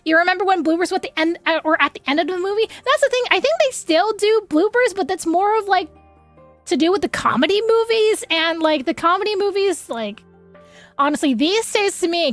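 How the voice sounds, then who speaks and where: A young woman with a high voice chats to her game stream. She rambles casually with plenty of filler words and gets effusive and excitable, with soft music playing underneath. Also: no echo. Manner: chatty, rambling, frequent fillers like "like". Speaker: game livestream host.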